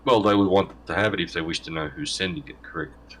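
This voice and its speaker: Low-voiced man rambling casually. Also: fast talker. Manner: rambling, joking, self-correcting. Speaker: interview guest. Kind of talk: casual interview chat.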